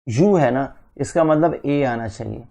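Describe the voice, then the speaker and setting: Slow, mellow-voiced teacher. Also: male voice, medium pitch, vocal fry. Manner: slow, deliberate, asks students questions. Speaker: English teacher for entrance exams. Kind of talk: classroom lecture mixing Hindi and English.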